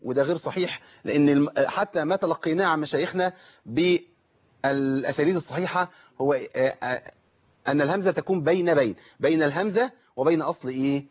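A man with an Egyptian Arabic accent teaching Quran recitation. He answers viewer questions, asks himself rhetorical questions and demonstrates words with slow, drawn-out recitation. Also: a little high, muffled recording.

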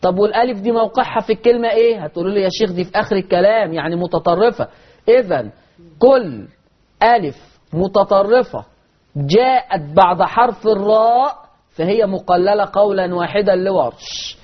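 A man's voice: high voice, brisk, muffled recording. A man with an Egyptian accent teaching Quran recitation, asking and answering his own questions and drawing out sounds to show how they are said. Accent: Egyptian Arabic. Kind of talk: recitation lesson.

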